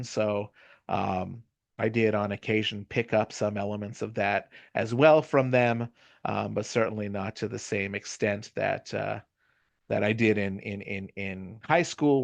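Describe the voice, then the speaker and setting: A creaky, low-leaning voice belongs to a middle-aged university lecturer from the United States with a Californian accent. Casual and chatty, he gives a conversational lecture peppered with "you know" and "right?" to check on his listeners; the recording is dry.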